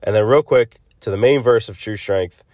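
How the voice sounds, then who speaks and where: Halting man talking straight into his phone. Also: on the low side, darkish tone, no echo. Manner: halting, thinking aloud. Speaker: podcast host. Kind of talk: casual solo devotional talk. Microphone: built-in phone mic, no separate microphone. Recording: close, dry phone recording.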